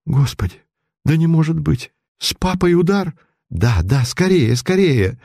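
A man's voice: medium pitch, big pitch swings, a little slow, mellow, slightly rough, no echo, clean studio sound. A man reading the lines of a frightened young woman in a storybook, with a trembling voice.

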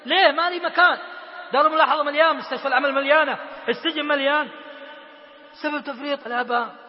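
A man's voice: very high voice, steady tone, rapid-fire. A man preaching an impassioned sermon. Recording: lo-fi recording with long reverb.

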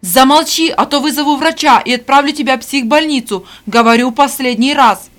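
A woman reading an audiobook voices a domineering middle-aged mistress who shouts and scolds harshly. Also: high-pitched, a little fast, voice pushed up. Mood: shouting furiously.

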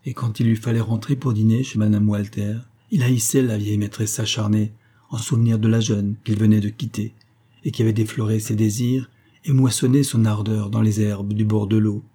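Man, audiobook narrator, measured literary reading, mellow, husky. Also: fairly low pitch, little pitch movement.

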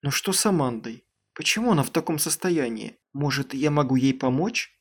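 A man's voice: medium pitch, animated, a little fast, husky. A man reading an audiobook, voicing a sleepy, innocent girl who sounds puzzled. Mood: bewildered.

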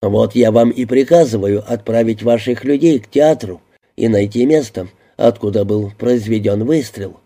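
A man's voice: on the low side, normal speed, mellow. A man reading an audiobook voices a stern, demanding male police chief who questions coldly. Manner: cold interrogating questions.

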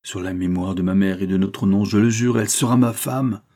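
A man playing a hot-blooded young nobleman, pleading and vehement, in a voice lifted above the reader's low tone. It keeps a breathy, mellow grain. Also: brisk. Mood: sworn. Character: young male nobleman, passionate, stubborn lover.

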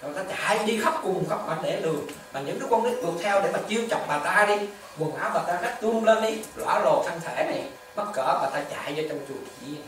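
A Buddhist monk giving a dharma talk to lay followers, with repetitive, animated storytelling and rhetorical questions. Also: medium pitch, fast. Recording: echoey hall, distant mic, faint ambience.

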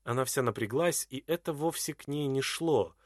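A man giving an expressive, dramatic first-person reading of a literary novel. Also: mid-range voice, moderate pace, no room sound, clean studio sound. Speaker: audiobook reader.

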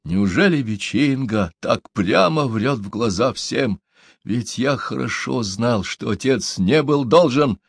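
A man's voice: medium pitch, lively intonation, slow, vocal fry, breathy edge, no echo, clean studio sound, heavily acted. A man doing an earnest superstitious young man. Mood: doubtful.

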